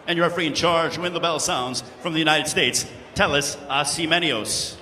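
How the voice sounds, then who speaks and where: A man working as a boxing ring announcer, booming dramatically and stretching out shouted names in a theatrical style. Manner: booming, drawn-out, dramatic delivery. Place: large indoor boxing arena. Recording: reverberant arena PA, slight noise.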